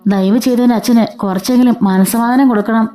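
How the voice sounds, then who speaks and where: A woman's voice: fairly high pitch, fairly even intonation, fairly quick, warm tone, lightly acted. A woman voicing a distressed young daughter who pleads for her ailing father. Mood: pleading. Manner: pleading, upset.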